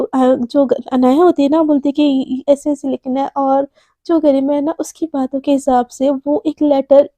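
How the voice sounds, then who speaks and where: A woman's voice: high-pitched, mellow, no room sound. A woman telling a romance story in a chatty, casual way. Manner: chatty, full of fillers and restarts.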